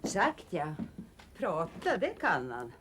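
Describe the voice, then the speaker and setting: An actress playing a pious, practical farmer's wife who speaks earnestly and gently scolds. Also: female voice, lowish voice, huge pitch swings, background noise. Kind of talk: 1980s film drama.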